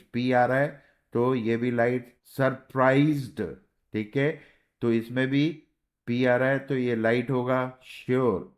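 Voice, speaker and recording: Slow, patient male shorthand teacher. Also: medium pitch. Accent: Indian. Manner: patient, repeats words slowly, checks in with "theek hai". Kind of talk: explaining a lesson while writing.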